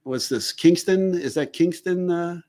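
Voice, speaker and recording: A man's voice: sits high, unhurried, darkish tone. A man, chatting casually as a forensics guest on a live stream and joking about place names. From New York. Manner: jokey, riffs on place names.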